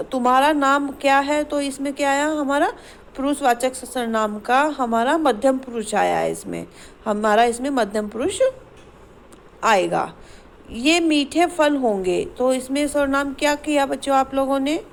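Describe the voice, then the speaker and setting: High-voiced woman teacher explaining grammar. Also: slight background noise, low-quality recording. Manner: explains patiently, asks the class questions, reads sentences slowly. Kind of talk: Hindi grammar lesson to schoolchildren.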